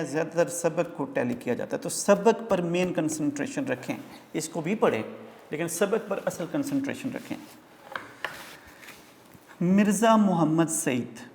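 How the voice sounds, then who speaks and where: A male teacher lecturing, who explains word meanings and pronunciation step by step and often pauses on fillers. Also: on the high side, a little mellow, in a large hall. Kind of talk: classroom lecture explaining an Urdu text.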